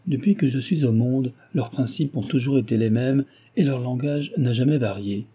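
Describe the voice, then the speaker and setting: A man's voice: mid-range voice, normal speed, dark tone, breathy edge, voice pushed up, natural voice. A man voicing an ardent, passionate young suitor in an audiobook, pleading with energy. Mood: impassioned. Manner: impassioned, pleading.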